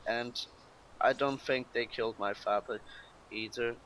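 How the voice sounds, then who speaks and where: A man with a medium-pitched voice talks over in-game voice chat during a role-play session. His microphone carries a faint layer of noise. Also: fairly even intonation, unhurried, fairly bright tone, rough recording. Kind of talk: gaming voice chat. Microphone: gaming voice chat microphone.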